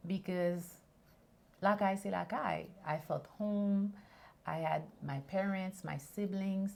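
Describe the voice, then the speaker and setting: A Haitian woman in her thirties, a guest attorney, talks through her story in an interview, sounding thoughtful but using many fillers and restarts. Her medium-pitched voice is slow, gravelly, and mellow.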